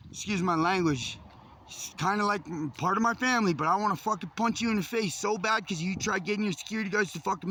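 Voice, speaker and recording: A man's voice: a little high, fairly bright tone, slight background noise. A man rambling in a vlog, agitated, swearing often and jumping between thoughts, recorded outdoors on a phone. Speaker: vlogger. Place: outdoors in a yard.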